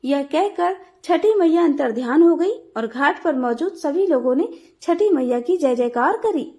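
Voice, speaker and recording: A woman narrating a devotional folk tale in a steady storytelling manner. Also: high-pitched, unhurried.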